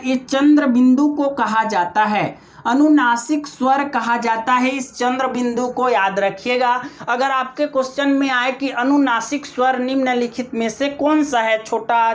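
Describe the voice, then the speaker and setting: A woman teaching an exam-prep grammar lesson online, repeating key terms and drawing out example sounds slowly while addressing viewers as friends. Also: a little high.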